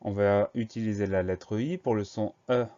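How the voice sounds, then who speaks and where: A man teaching a spelling lesson, taking words one at a time and spelling them out letter by letter. His voice sits low and mellow. The recording sounds a bit dull and lo-fi. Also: fairly even intonation, moderate pace. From France.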